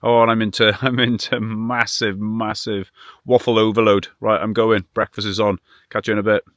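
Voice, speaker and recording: A British man with a lowish voice talks casually, as if vlogging to friends. He rambles along in a self-deprecating, slightly sweary way. The sound is very dry, with hardly any room echo. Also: level tone, moderate pace, fairly bright tone. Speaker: vanlife vlogger. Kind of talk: casual vlog chat.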